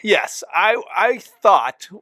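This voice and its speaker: A man co-hosting a podcast in casual chat, animated and quick to laugh. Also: sits high, dry recording, clean studio sound. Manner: animated, laughs often, restarts sentences. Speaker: podcast co-host.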